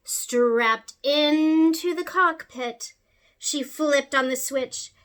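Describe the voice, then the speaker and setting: Woman storyteller, high bright voice, slow unhurried reading, sing-song rhymes. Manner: expressive, sing-song rhyming delivery. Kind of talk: children's picture book read-aloud.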